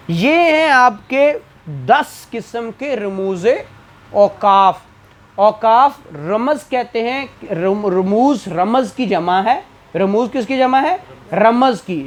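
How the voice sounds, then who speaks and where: A man's voice: high-pitched, animated, slow pace. A man giving a classroom lecture as a law exam tutor, asking questions and answering them himself.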